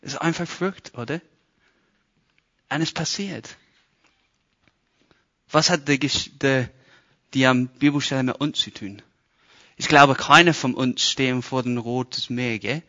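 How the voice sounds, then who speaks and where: Bright-voiced British man preaching in German. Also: mid-range voice, measured pace, pauses often, muffled recording. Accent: English-speaking. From Britain. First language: English. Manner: animated storytelling, acts out voices, broken German. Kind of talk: sermon.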